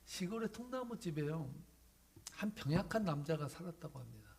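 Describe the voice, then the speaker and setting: A man pastor preaching a sermon, telling a story dramatically and swinging from loud lines to hushed whispers. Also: fairly high pitch, sing-song, a little fast, gravelly, breathy edge.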